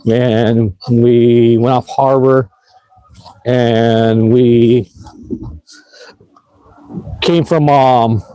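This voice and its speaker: Cruising city streets at night on an e-bike, a vlogger chats through his livestream in a rambling, laid-back style, full of fillers and laughter. He has a mellow, mid-range voice. No echo, but the recording is rough.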